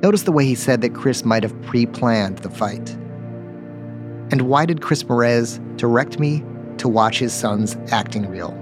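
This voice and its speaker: A man hosting a podcast, narrating a true-crime investigation in a measured, insistent way. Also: medium pitch, expressive, over music.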